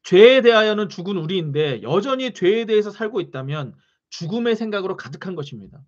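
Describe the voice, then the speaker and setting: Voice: medium pitch, brisk, muffled recording. A pastor preaching a sermon, often asking the congregation questions. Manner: animated, asks the congregation questions.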